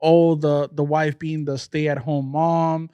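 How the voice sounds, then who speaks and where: A man's voice: fairly high pitch, level tone, slow pace, warm tone, smooth, no room sound. A man co-hosting a podcast in casual chat, arguing his views bluntly and swearing now and then. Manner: argumentative, blunt, curses. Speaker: podcast co-host.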